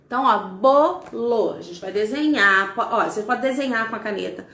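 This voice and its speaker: A middle-aged woman with a Brazilian accent, a literacy teacher who patiently explains an activity step by step, sounding syllables out slowly. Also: mid-range voice, vocal fry, bright, forceful tone, reverberant. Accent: Brazilian Portuguese. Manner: patient, explains step by step, frequent tag questions. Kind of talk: instructional demonstration.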